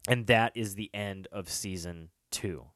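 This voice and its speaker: A man's voice: on the low side, measured pace, fairly bright tone, no echo, clean studio sound. A man hosting a casual podcast, recapping a TV season in a rambling way with many fillers and restarts. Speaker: podcast host.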